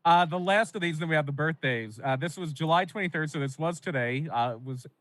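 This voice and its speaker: A man's voice: fairly high pitch, fairly quick, a bit bright, poor audio. A man from Pennsylvania co-hosting a wrestling podcast, telling nostalgic stories with lots of fillers. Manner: rambling, nostalgic storytelling with fillers. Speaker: podcast co-host. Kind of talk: casual wrestling podcast chat.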